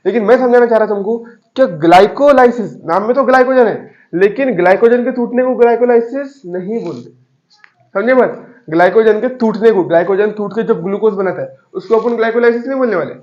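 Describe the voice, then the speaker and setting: A male teacher giving a classroom lecture, explaining slowly with homely examples and repeating key terms. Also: high voice. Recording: echoey, dull classroom recording.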